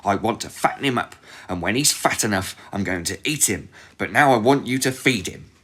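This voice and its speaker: A man voicing a cunning, cruel old witch in a storybook reading, with a shrill, commanding manner. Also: animated, moderate pace, a bit bright. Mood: harsh.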